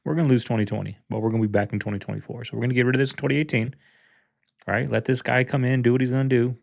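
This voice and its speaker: A man's voice: mid-range voice, fairly even intonation, very fast, creaky, darkish tone, no room sound, highs cut off. A man giving casual political commentary in emphatic short phrases, often seeking agreement.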